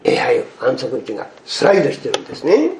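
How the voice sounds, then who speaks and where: A male pastor preaching a sermon to his congregation, expressive and acting out the quoted speech. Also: medium pitch, fairly quick, vocal fry, reverberant, a little hiss or hum.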